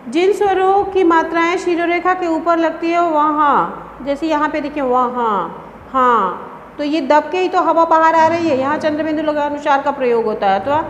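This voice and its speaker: High-voiced woman teaching in an echoey room. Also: dull audio. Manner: explains patiently, repeats terms, asks and answers her own questions. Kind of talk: classroom lesson. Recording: echoey room with faint hiss.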